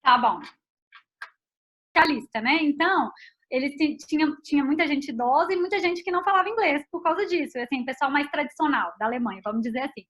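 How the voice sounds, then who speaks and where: Brazilian woman, high voice, chatty researcher on a dull lo-fi video call. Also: fast, fairly bright tone. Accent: Brazilian Portuguese. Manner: chatty, frequent "tá?" and "né?" tags. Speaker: invited scientist speaker. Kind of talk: casual online talk and Q&A.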